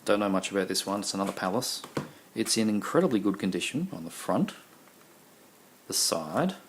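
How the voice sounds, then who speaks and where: A man with a lowish voice gets very animated at a normal speed while showing his videos. The talk is rambling and laced with ums and uhs, his voice is fading, and the home setting makes for a noisy recording.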